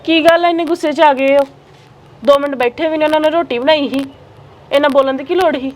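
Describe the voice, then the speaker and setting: A woman's voice: sits high, fairly even intonation, fairly quick. A woman playing a sister and wife who defends her brother in a family short film.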